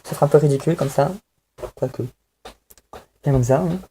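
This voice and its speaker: A man's voice: fairly high pitch, fairly quick, creaky, warm tone, slight background noise. A young man chatting casually to camera at home, hesitant and self-mocking, with many fillers. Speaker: vlogger answering a fan tag. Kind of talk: casual chat.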